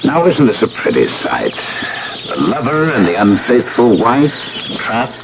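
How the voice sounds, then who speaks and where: On a dull, hissy old radio recording, a vengeful and unhinged husband relishes every threat with theatrical, mocking courtesy. His pitch swoops wildly and he speaks a little slowly, a gloating villain drawing out his menace. It's 1970s radio drama acting, triumphant and menacing in mood.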